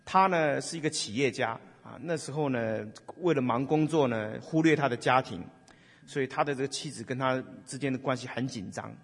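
Guy preaching, kinda husky and highish, chatty storytelling sermon, big hall echo. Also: fairly quick. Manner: lively storyteller, asks the audience "right?". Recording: long hall reverb.

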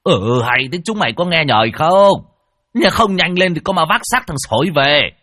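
Male narrator as a blustery old village shaman; barking, commanding, lively. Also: lowish voice, moderate pace, breathy edge, dry recording, studio quality, exaggerated voice. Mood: bossy.

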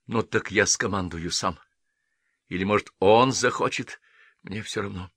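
A man voicing a hot-headed young lieutenant bent on revenge, speaking hoarse and clipped in an audiobook. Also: fairly low pitch, a little slow, fairly bright tone, dry recording, heavily acted. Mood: furious.

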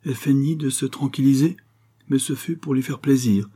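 A man reading a classic novel aloud as an audiobook narrator, in a measured storytelling manner. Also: medium pitch, warm tone, breathy edge. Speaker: audiobook reader. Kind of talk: scripted narration.

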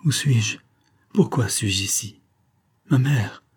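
A man's voice: mid-range voice, slow pace, darkish tone, slightly rough. A man reading the lines of a bewildered young woman just returned from death, in an audiobook, close to his own narrating voice.

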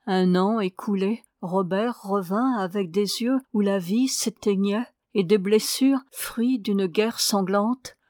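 A woman reading a translated prose poem aloud as an audiobook, in a measured, solemn way. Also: mid-range voice, a little mellow, no room sound, clean studio sound. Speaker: audiobook reader. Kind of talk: scripted narration of a prose poem.

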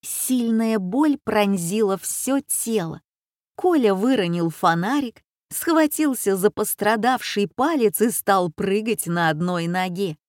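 Woman reading a kids story out loud, dramatic, dry close sound. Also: medium pitch, expressive, takes it slowly, dry recording. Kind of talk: children's story read aloud.

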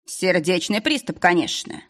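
A woman's voice: lowish voice, sing-song, measured pace, a bit bright, full character voice. A woman voicing a sneering male royal secretary who reports a murder with cold mockery. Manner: sneering, dismissive.

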